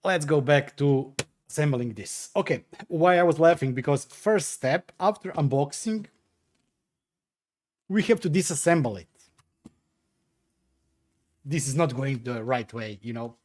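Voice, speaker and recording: His voice is fairly high and his pace measured, broken up by long pauses. A Croatian native speaker hosting a livestream from home, he chats loosely in answer to viewer comments, hesitant and full of fillers and restarts as he tinkers.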